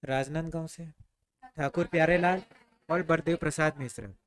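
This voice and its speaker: A man's voice: fairly high pitch, steady tone, moderate pace, a bit bright. A man teaching a history class, quizzing students and answering his own questions in a conversational way. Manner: conversational, repeats "ठीक है" often.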